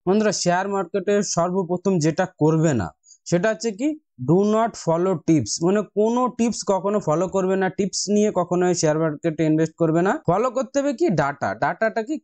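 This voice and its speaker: A host of investing tutorials, this man has an Indian Bengali accent and a high, expressive voice with a darkish tone, speaking fairly quickly. He walks viewers through a casual step-by-step tutorial, addressing them as friends in an instructional way. There's no echo on the recording.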